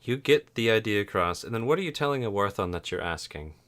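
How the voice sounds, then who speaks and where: A man's voice: on the low side, lively intonation, quick pace, fairly bright tone. A man acting as game master, casually narrating and improvising a tabletop role-playing game.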